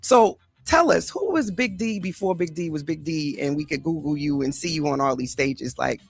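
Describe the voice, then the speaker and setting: Gravelly, high-energy talk show host. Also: female voice, normal speed, soft background music. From Boston area. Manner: energetic, hype introductions. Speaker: podcast host and life coach. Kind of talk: casual interview chat.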